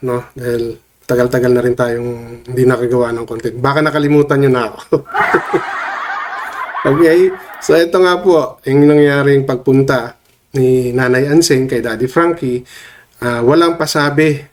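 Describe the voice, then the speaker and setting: A man with a head cold talks to camera for his vlog, his voice a touch off from the sniffles. He keeps the commentary loose and conversational, pausing to check in with his viewers every few phrases. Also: mid-range voice. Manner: chatty, tags lines with questions to viewers. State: has a cold, voice a bit off. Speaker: vlogger commenting on online drama.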